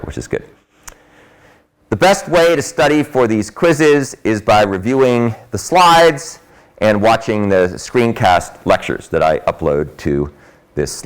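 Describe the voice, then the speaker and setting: A man giving an informal, explanatory university lecture in a classroom, his voice muffled by a face mask, with emphatic stresses. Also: on the low side.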